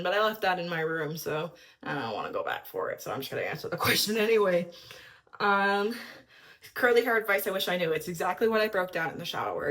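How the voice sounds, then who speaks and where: A woman's voice: fairly low pitch, fairly bright tone. A young woman vlogger in a casual, upbeat chat to camera, a little out of breath and using lots of fillers. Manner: chatty, upbeat, filler-heavy. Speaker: lifestyle vlogger.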